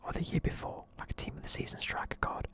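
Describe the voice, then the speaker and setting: This young man whispers throughout his casual video, sounding sleepy as he reviews football teams and drops offhand swears. He talks fast, and his tone is fairly bright.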